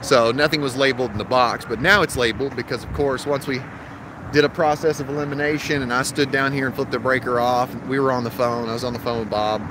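A mid-range male voice with fairly even intonation and a quick pace belongs to a thirtysomething HVAC technician. He's on a commercial rooftop, casually explaining the job step by step to his phone camera, held at arm's length, and traffic noise runs through the outdoor recording.

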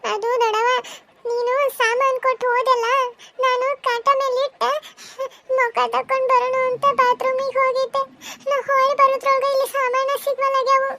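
A woman voicing a frightened young village bride with a North Karnataka Kannada accent, speaking high and tearfully. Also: little pitch movement, moderate pace, fairly bright tone, slight background noise.

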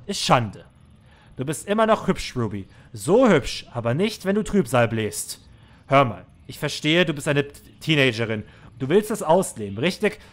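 A man's voice: on the high side, fairly bright tone. A man voicing a cruel, condescending manager. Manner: scolding, condescending. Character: cruel, manipulative older male manager. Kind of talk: reading game dialogue aloud in a let's play.

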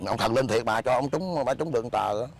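Guy doing a gravelly beggar husband, bossy, rattles off fast. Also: mid-range voice. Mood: scolding. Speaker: comic actor. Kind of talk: comedy sketch acting.

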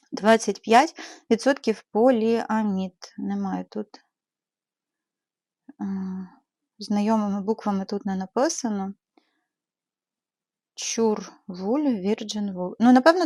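With a mid-range, slightly dark voice and no echo in a studio-quality recording, a Ukrainian woman runs a relaxed show-and-tell vlog for her knitting channel. She walks through her supplies with frequent fillers and endearing diminutives.

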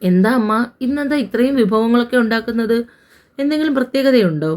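A woman's voice: on the high side, expressive, quick pace, darkish tone, close to an everyday voice. A woman voicing a spirited, affectionate young nurse in a romance audio story.

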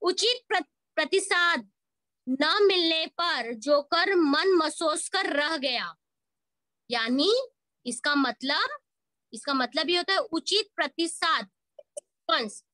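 High bright-voiced woman teaching online. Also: expressive, slow, long pauses, no echo. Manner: asks questions and answers them herself, coaxing students. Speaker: school Hindi teacher. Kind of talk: online class lesson. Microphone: video call.

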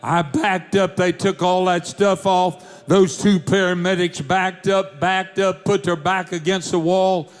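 A man's voice: high-pitched, level tone, unhurried, hardly any pauses. A man preaching, telling a testimony in a fervent storytelling manner. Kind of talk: sermon testimony.

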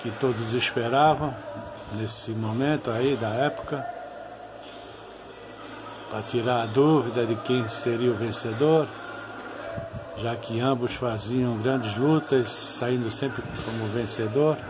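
Slow-talking Brazilian man, noisy recording. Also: medium pitch. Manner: repeatedly ends phrases with tag questions. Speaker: boxing channel host and commentator. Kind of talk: informal, nostalgic commentary over old fight footage.

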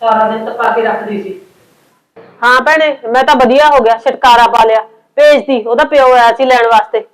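A woman's voice: fairly high pitch, brisk, lightly acted, rough recording. An actress playing a domineering middle-aged mother-in-law who scolds her daughter-in-law in a family drama. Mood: gloating. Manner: scolding, sharp, bossy. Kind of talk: short film drama.

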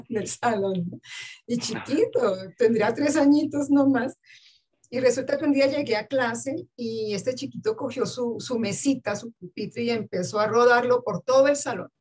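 A woman, an English teacher telling stories earnestly in a casual interview, with soft laughs. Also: a little high, breathy edge.

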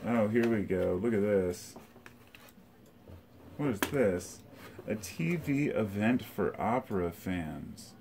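A middle-aged man with a lowish, darkish voice goes through his old tape reels in an indoor living room beside a record shelf. He's animated yet slow, pausing often, and he rambles aloud with plenty of fillers. Slight background noise can be heard.

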